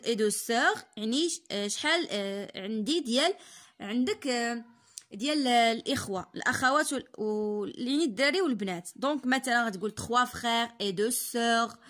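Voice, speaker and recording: A young woman in her twenties with a Moroccan Arabic accent, teaching a French lesson as a tutor, reading sentences slowly and then explaining them quickly in Darija. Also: on the high side, a bit bright.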